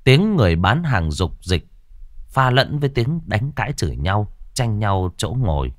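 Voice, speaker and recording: Male narrator, low and animated storytelling. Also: a little slow, no room sound, studio quality. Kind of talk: scripted horror story narration.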